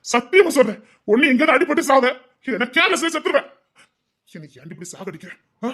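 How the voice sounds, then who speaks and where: An actor with a Tirunelveli Tamil accent playing a desperate young man who pleads with his lover, swinging from hushed pleas to shouting. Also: extremely high pitch, sing-song, fast talker, heavily acted. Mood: pleading. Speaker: actor in a romance drama. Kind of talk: emotional drama acting.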